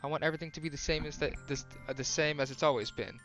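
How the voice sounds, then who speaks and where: A man voicing a shy, anxious teenage girl in love, speaking softly and haltingly. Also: on the high side, fairly even intonation, faint music behind, natural voice. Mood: hesitant. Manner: soft, hesitant, halting.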